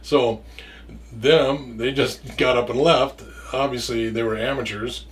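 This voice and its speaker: A man's voice: medium pitch, steady tone, unhurried, recorded from a distance. Rambling, cursing man telling a story from a bit off-mic. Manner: rambling, stumbles and repeats words, swears freely. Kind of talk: casual spoken storytelling.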